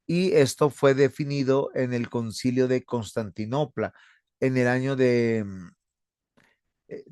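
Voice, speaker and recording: A man teaching a seminary class as a pastor, unhurried and earnest, calling his students brothers and sisters. His voice sits in an ordinary middle range. The sound is dry and close to the mic. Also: mid-range voice, darkish tone, no room sound. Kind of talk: online theology lecture with class discussion.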